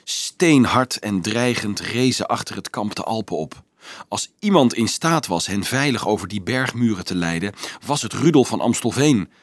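A man reads a novel aloud in a measured, even storytelling manner. His voice sits fairly low, and the close studio recording is dry, with no room sound. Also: no room sound. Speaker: narrator. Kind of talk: audiobook narration.

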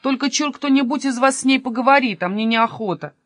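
A woman's voice: high-pitched, brisk, no echo, clean studio sound, pitched above the performer's own voice, lightly acted. A woman voicing a whiny young male robber, plaintive and complaining. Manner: whining, plaintive. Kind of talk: storybook reading.

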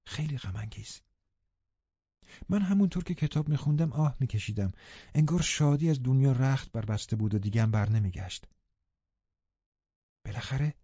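A man narrating an audiobook in a sombre, measured way. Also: medium pitch, dark tone, husky, no room sound. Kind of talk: scripted narration. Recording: muffled lo-fi recording.

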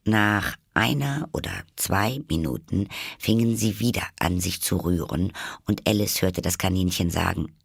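Male audiobook narrator, low and husky, lively delivery. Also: unhurried, no echo, studio quality. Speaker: audiobook reader. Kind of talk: storybook narration.

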